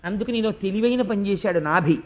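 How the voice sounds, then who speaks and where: A man's voice: sits high, a little fast. An older man with a Telugu accent, giving a religious discourse on scripture, telling stories and acting out dialogue with rhetorical questions. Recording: dull lo-fi lecture recording.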